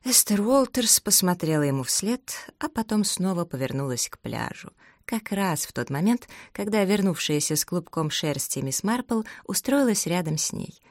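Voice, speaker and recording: Give me a woman narrating a novel in a low, steady voice with dry sound. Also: dry recording. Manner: steady, measured storytelling. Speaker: audiobook reader. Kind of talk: scripted narration.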